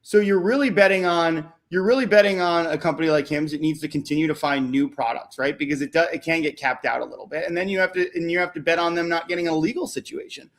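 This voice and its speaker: A man on a video call talking through stock signals in a casual livestream chat, halting and repeating words and often tagging sentences with "right?". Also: on the high side. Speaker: stock market analyst.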